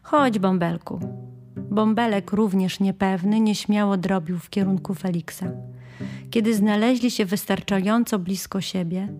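A woman narrating a children's story in a gentle, clear storytelling manner. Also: medium pitch, fairly even intonation, moderate pace, soft background music. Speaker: audiobook narrator.

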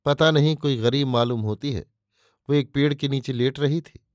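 A man's voice: mid-range voice, moderate pace, no room sound, studio quality, natural voice. A man voicing a humble servant gardener who reports respectfully and a little anxiously. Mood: deferential.

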